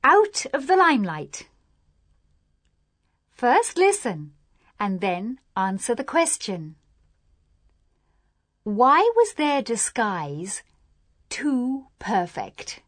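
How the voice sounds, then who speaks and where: A woman narrating a scripted language lesson story in a clear, deliberate way. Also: on the high side, sing-song, dry recording.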